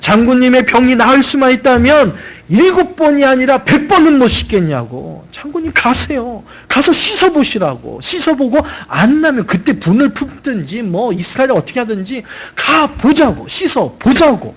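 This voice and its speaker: A man's voice: extremely high pitch, sing-song, normal speed, few pauses, breathy edge, pitched above the performer's own voice, full character voice. A man voicing a loyal male servant who urges his proud general, speaking in an earnest, coaxing way. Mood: pleading.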